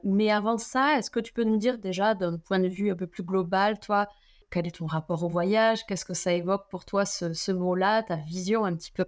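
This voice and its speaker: A woman's voice: medium pitch, fairly even intonation, normal speed. A woman hosting a podcast, asking long, rambling questions with frequent hesitations. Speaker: podcast host. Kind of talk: conversational interview questions.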